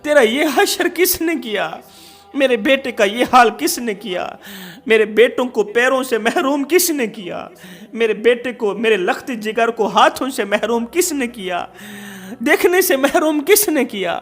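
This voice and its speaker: Tearful old mother, high and pleading, as a male preacher puts her on. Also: a bit bright. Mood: anguished. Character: grieving old mother praying for her son.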